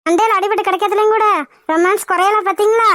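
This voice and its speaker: A woman's voice: very high voice, steady tone, fast, fairly bright tone, dry recording, studio quality. A woman voicing a devoted young wife in a cartoon, clingy and pleading. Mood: teasing.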